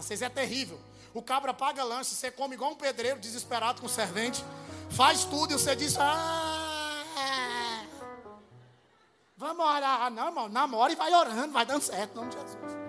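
Guy preaching, funny stories, kinda high voice, faint music under it. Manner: comic, lively storytelling that rises into loud exhortation. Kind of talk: humorous sermon storytelling.

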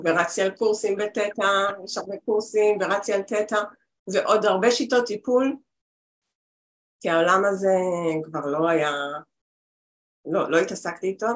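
A woman's voice: mid-range voice, a bit bright. A woman in her forties, a spiritual healer talking as a guest over a video call, chatty and rambling with restarts.

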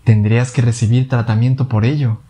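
A man voicing a calm, menacing male psychoanalyst who taunts his enemy with measured sarcasm. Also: mid-range voice, breathy edge, lightly acted. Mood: taunting.

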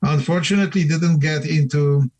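A middle-aged man from Poland with a Polish accent, a new deacon calling in to a radio interview, speaking in an earnest, measured, plain-spoken way. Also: a little high, a little mellow, poor audio. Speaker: newly ordained deacon, guest.

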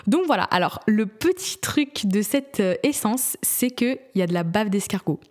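A woman's voice: mid-range voice, expressive, moderate pace. A young woman talking through her skincare routine in a casual vlog, chatty and giggly, with many fillers and restarts. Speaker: beauty vlogger.

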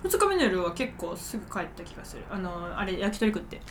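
A woman with a Kansai accent, half of a comedy duo, co-hosting a casual radio show with quick, teasing back-and-forth. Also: fairly low pitch, sing-song, a little hiss or hum. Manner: quick reactive banter and teasing questions.

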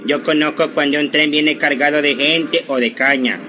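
A man's voice: fairly high pitch, steady tone, normal speed, background noise, natural voice. An actor playing a young man obsessed with trains who slips out of his mother's requests, in a radio drama. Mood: excited. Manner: evasive, teasing, slippery excuses.

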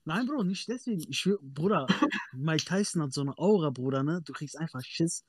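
A man's voice: fairly high pitch, expressive, a little fast, over a noisy crowd. A young man, chatting casually and insistently in slang, often repeating himself for emphasis. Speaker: podcast panelist. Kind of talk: casual chat, slangy sports debate.

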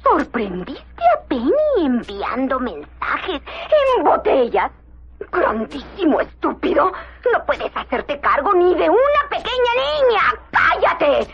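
A woman voicing a hot-tempered, tyrannical villainess in an animated film, scolding in a theatrical, drawn-out way. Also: high voice, heavily acted. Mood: furious, scornful. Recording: lo-fi film audio, clear noise.

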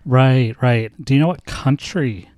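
A man's voice: mid-range voice, a little slow, darkish tone, no echo, studio quality. A man with an American accent, a father hosting a casual chat and patiently quizzing his child with leading questions. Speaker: podcast host and father.

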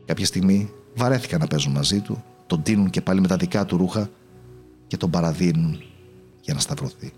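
Male storyteller, low voice, measured, solemn, storybook narration. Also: lively intonation, vocal fry, darkish tone, soft background music.

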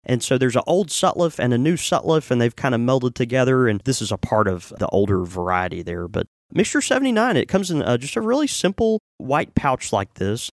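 A man's voice: mid-range voice, animated, a little fast, hardly any pauses, no room sound, studio quality. A man co-hosting a podcast in casual chat, often repeating and restarting his words as he explains. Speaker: podcast co-host and tobacco reviewer.

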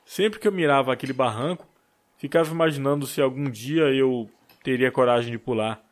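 A man reading a story aloud as an audiobook narrator, in a steady storytelling manner. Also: mid-range voice, a little fast. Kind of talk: scripted narration.

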